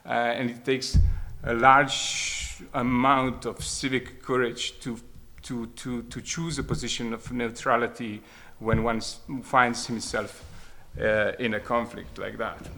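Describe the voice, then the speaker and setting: A man talks through his memories in a measured, reflective way. He pauses often and repeats words as he searches for the right phrasing. His voice sits at an ordinary middle pitch. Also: little pitch movement, gravelly, sharp tone. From Croatia. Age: 30s. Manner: hesitant, restarts and repeats words while thinking. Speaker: speaker sharing personal experience. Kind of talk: reflective spoken testimony.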